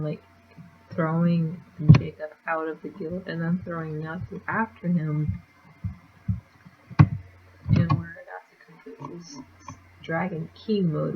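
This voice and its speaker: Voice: mid-range voice, creaky, lo-fi sound, very noisy. A speaker casually recapping a comic chapter in a rambling way, with lots of fillers and restarts. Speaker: manga chapter reviewer.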